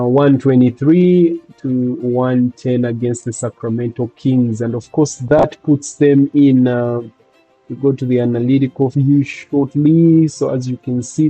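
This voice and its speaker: Halting fantasy basketball recap man. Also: mid-range voice, dark tone, husky, no room sound, rough recording. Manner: halting, many filler ums, lists stats. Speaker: fantasy basketball video host. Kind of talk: casual recap over game highlights.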